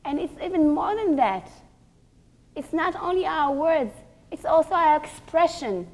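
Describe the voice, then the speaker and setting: Teaching a religious class to a group of women, a woman lectures in an earnest, didactic way, often asking rhetorical questions and emphasizing her points. Her voice is high-pitched and animated, and she speaks unhurriedly.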